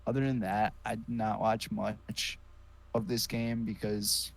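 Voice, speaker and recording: A man's voice: on the low side, little pitch movement, a little slow, gravelly. A man co-hosting a sports podcast, talking casually and jokingly with lots of fillers. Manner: easygoing, joking, many fillers. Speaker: podcast co-host.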